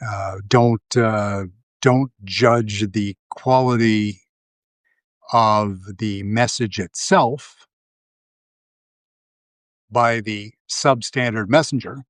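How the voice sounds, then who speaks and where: A man's voice: lowish voice, drawn-out words, pauses often, dry recording, clean studio sound. A man hosting a live video, talking through casual commentary, rambling with lots of fillers and restarts. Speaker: livestream host.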